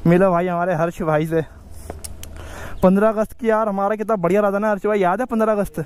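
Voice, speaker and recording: A man's voice: high-pitched, steady tone, fast. A young man chatting casually to the camera in his moto vlog, outdoors on a city street with friends. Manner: chatty, calls friends "bhai" and "yaar". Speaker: vlogger.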